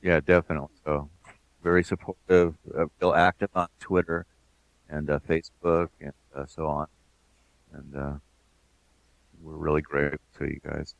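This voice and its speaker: A man giving relaxed commentary as a game developer, reminiscing about making the game. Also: very deep voice, normal speed, vocal fry, long pauses, no echo. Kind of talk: casual commentary.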